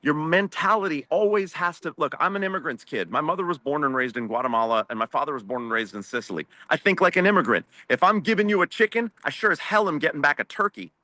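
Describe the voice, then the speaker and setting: A man's voice: on the high side, lively intonation, quick pace, few pauses, pushed and bright, dry recording. A man speaking on a video-call webinar panel as a franchise owner, emphatic and preachy, firing off rhetorical questions.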